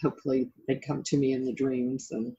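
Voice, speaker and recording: Speaking briskly in a low, mellow, sing-song voice with vocal fry, a middle-aged author and life coach reflects casually as an interview guest. The conversation comes through as dull, lo-fi call audio.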